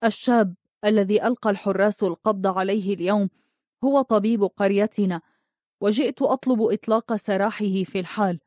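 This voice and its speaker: A woman voicing a proud, blind young man who speaks steadily and with quiet menace. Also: medium pitch, fairly quick, no room sound, studio quality, natural voice. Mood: firm, defiant.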